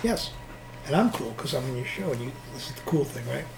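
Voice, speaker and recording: A man's voice: mid-range voice, lively intonation, a little fast, over music. A middle-aged or older man with a New York Queens accent, chatting casually as a guest and often repeating words as he goes. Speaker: interview guest, nightlife veteran. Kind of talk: casual chat. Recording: roomy echo, clearly noisy ambience.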